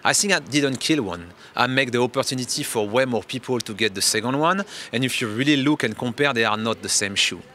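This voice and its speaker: A man's voice: medium pitch, brisk, few pauses, pushed and bright, slight background noise. A French man speaking English as a second language in a casual interview, reflective and restarting his phrases often. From France. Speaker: interview guest.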